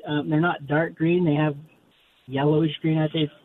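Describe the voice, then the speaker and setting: A man's voice: a little high, level tone, normal speed. A man calling in to a radio show over the phone, talking casually and searching for his words. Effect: heard over the phone. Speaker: radio call-in caller. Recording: tinny phone line, faint hiss.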